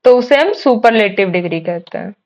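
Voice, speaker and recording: A woman's voice: mid-range voice, expressive, normal speed, darkish tone, lo-fi sound. A young woman teaching an English grammar lesson online, explaining step by step in a patient way and often checking that students follow. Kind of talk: online exam-prep lesson.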